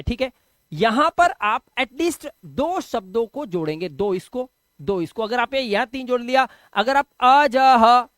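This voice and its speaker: A man teaching an online lesson, explaining step by step, repeating words slowly and checking that students follow. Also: high-pitched, no room sound. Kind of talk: online lesson explaining Hindi to English spelling.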